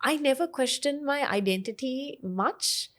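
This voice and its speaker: A woman's voice: high voice, expressive, a little slow. A young woman from Sri Lanka with a Sri Lankan accent, chatting as a podcast guest with frequent fillers and laughs. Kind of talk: casual podcast interview.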